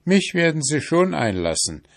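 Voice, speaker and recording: A man reading a fairy tale aloud, voicing a fearless, cocky young prince in a raised, brighter voice. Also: fairly high pitch, big pitch swings, moderate pace, vocal fry, voice pushed up, heavily acted. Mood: confident.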